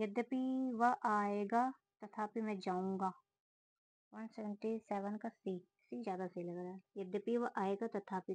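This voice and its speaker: A woman talks through an exam paper, reading options aloud and ruling on each one in a few words. Her voice is mellow and warm, and the recording is dry with no room sound. She speaks casually, like a student thinking out loud. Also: mid-range voice, dry recording, low-quality recording. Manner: reads options aloud, then quick verdicts. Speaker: student solving a test series. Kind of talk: casual spoken walkthrough of exam answers.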